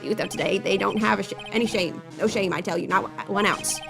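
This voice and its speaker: A woman voicing a grumpy, scolding old man from a video game, with a gravelly, indignant delivery. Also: medium pitch, fairly even intonation, fast talker, close to an everyday voice. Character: grouchy, scolding old man feeding pigeons. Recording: music playing behind the voice.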